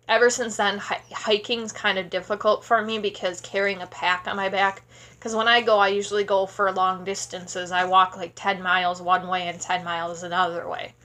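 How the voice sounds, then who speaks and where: Her medium-pitched voice is bright and forceful. She's a sleepy thirty-something vlogger from Wisconsin, doing a casual, rambling Q&A in a small room at home, speaking close to a tablet camera and leaning heavily on fillers in her chatty delivery.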